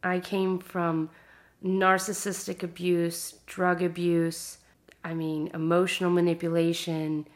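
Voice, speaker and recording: A woman in her thirties, a podcast host, speaking directly to listeners in an earnest, encouraging personal monologue that sometimes drops to a soft whisper. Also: fairly low pitch, monotone, slow. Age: 30s.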